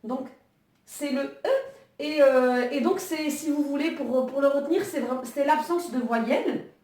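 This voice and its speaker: A woman's voice: sits high, unhurried, mellow. A woman teaching an online Arabic lesson, explaining patiently with many fillers and restarts while she writes. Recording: echoey room, voice from a distance.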